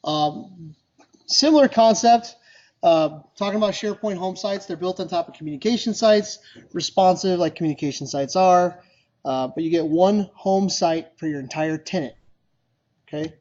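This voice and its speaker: A man's voice: high voice, normal speed, darkish tone, lo-fi sound. A man giving a casual, loosely worded talk to a user group, full of fillers and restarts. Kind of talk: casual presentation to a meetup.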